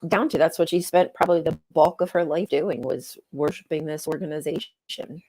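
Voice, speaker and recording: A middle-aged woman co-hosting a podcast in casual chat, frank and rambling as she thinks out loud over a crackling, distorted microphone. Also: deep voice, fairly even intonation, moderate pace. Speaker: podcast co-host. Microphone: headset microphone.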